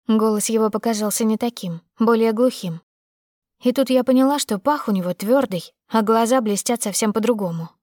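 A woman narrating a first-person audiobook in a steady, emotive storytelling manner. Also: on the high side, normal speed, dry recording, studio quality.

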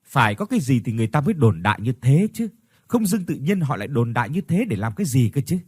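A man's voice: mid-range voice, very animated, fast talker, breathy edge, no room sound. A man voicing an insistent young woman who argues that the ghost stories must be true. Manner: insistent, argumentative.

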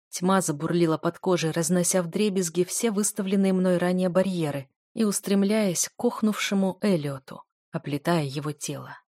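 A woman's voice: on the low side, darkish tone, dry recording, clean studio sound. A woman narrating first-person fiction as an audiobook reader, in a dramatic, intense read.

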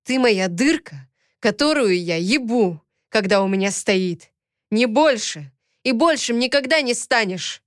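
A cruel, domineering man who snarls his words slowly and heavily, read by a woman narrator in close to her own voice. He is harsh and loud. The recording is dry and close. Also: on the high side, lively intonation, no echo. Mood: menacing. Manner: harsh, snarling, slow and menacing. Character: cruel, domineering husband, grown man, furious.

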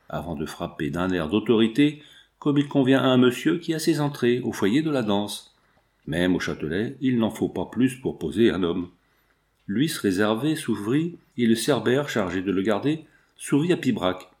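A man reading a classic novel aloud in a measured, even storytelling manner. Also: medium pitch. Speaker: audiobook reader.

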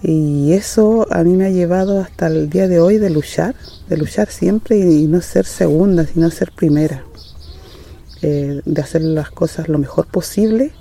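Dark-voiced woman in her sixties. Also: fairly low pitch, normal speed, creaky. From Valle de Azapa, northern Chile. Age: 60s. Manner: earnest and determined, with frequent hesitant restarts. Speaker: rural farmer and community leader. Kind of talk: casual testimony.

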